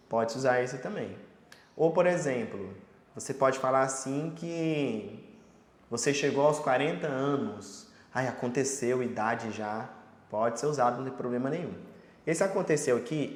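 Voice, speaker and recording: A man teaching sign language in a casual lesson, explaining patiently with everyday examples and slowly repeating each sign word, with a Brazilian Portuguese accent. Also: mid-range voice. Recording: roomy echo with long reverb.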